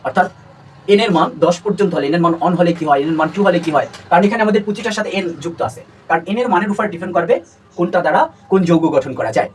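Teaching a chemistry lesson, this man speaks in a high, racing voice, quizzing his students and drilling terms through constant repetition. It's a classroom lecture picked up on a distant mic, with faint noise in the background.

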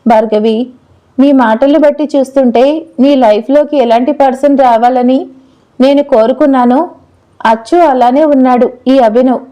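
A woman's voice: high-pitched, normal speed, mellow, natural voice, low-quality recording. A woman voicing a playful, fiery young woman who teases and scolds her friend in a storybook love tale. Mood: teasing. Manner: teasing, then heated.

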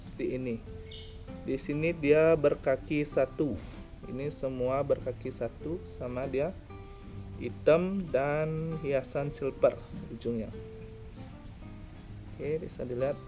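A man's voice: mid-range voice, slow pace, pauses often, music in the background. A young man giving a casual review of a fishing rod outdoors, explaining and pointing out its details. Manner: plain explaining, counts and points things out. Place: outdoors by a roadside with plants.

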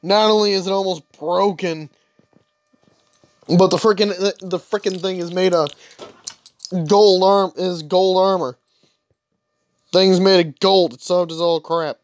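A young gaming channel host with a high-pitched, steady voice comments casually on his own gameplay, speaking a little slowly and pausing often. He's chatty and grumbling, talking to himself as he plays.

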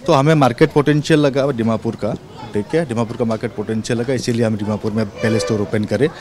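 A man's voice: mid-range voice, fast. A man in his thirties, an area sales manager, answering interview questions in a children's clothing store, speaking into handheld mics held close and often adding "right". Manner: talks in a relaxed way, tags many phrases with "right" and "okay". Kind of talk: on-camera interview. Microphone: handheld reporters' mics held close.

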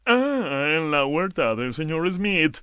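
A crafty storybook wolf with a smooth voice that swoops up and down, stretching each word as he schemes, as a man acts him out. Slow and close, with a dry sound. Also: on the high side, big pitch swings, fairly bright tone, dry recording, voice pushed up, exaggerated voice. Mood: sly. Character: sly, hungry big bad wolf.

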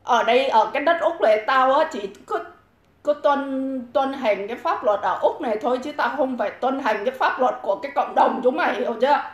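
A woman's voice: sits high, a little fast, lo-fi sound. A woman hosting a livestream, ranting combatively and hurling insults and taunts at her critics. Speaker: livestream host. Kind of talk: profane livestream rant. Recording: echoey room.

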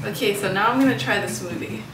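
A young female vlogger films a casual cooking video in her home kitchen, talking quickly in a mid-range voice over loud music. She speaks hesitantly and trails off, picked up by a camera mic across the room, so the audio sounds roomy and distant.

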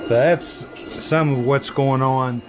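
A man running a 3D print farm, talking slowly and plainly step by step while he works in a workshop full of printers. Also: medium pitch, fairly even intonation, over music. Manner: slow, plain step-by-step explaining while working. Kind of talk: hands-on workshop demonstration.

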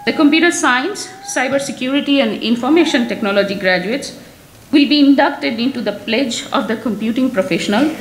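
Casting note: female emcee with a high voice, formal announcer, echoey hall sound. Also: expressive, brisk, a little hiss or hum. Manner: formal, announcing names and titles. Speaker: ceremony emcee. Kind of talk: formal introductions. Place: ceremony hall.

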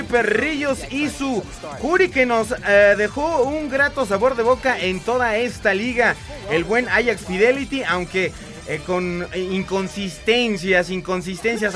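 A man hosting a casual gaming chat show, playful and full of slang nicknames for his audience. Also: very high-pitched. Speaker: co-host.

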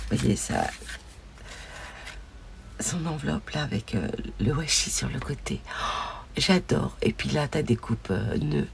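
Gushing woman with a creaky voice. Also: a bass voice, slight background noise. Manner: gushing, often drops to a soft whisper. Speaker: scrapbooking vlogger. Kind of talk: casual mail-opening vlog.

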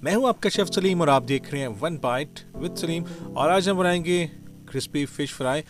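A friendly male chef, his voice sitting a little high for a man, guides a recipe step by step in voice-over. He is warm and easygoing, and guitar music plays clearly underneath. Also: normal speed. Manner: friendly, step-by-step, keeps saying "perfect". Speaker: cooking show host, chef.

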